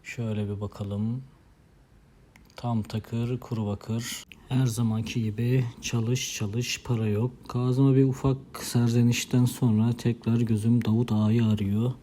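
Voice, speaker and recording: A man narrating his day as a motovlogger in a wry, deadpan, storytelling way with folksy turns of phrase. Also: medium pitch, a little slow. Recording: steady background noise.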